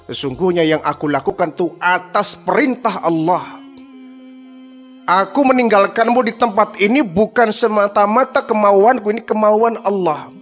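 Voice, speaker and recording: A man playing a steadfast prophet who calmly and firmly tells his wife he must leave by God's command. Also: high-pitched, normal speed, soft background music, close to an everyday voice. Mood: reassuring. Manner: calm, firm, reassuring. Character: steadfast prophet, a man, calm and firm, obeying God.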